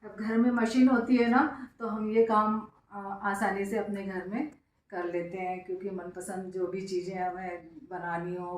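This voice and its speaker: A friendly, chatty woman speaks to her viewers in a casual vlog, showing off her handiwork with small pauses and fillers. Her voice sits at an ordinary middle pitch. The sound bounces around an echoey home room. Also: a little mellow, far from the mic. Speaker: vlogger greeting her channel. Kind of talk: casual vlog chat to camera.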